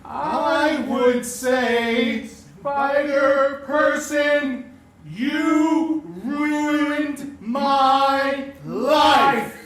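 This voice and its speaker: Man playing a very slow, high-voiced supervillain. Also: fairly even intonation, a bit bright, exaggerated voice. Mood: aggrieved. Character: creepy, aggrieved comic-book supervillain denying it. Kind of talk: improvised stage comedy scene. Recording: very echoey distant room, noise.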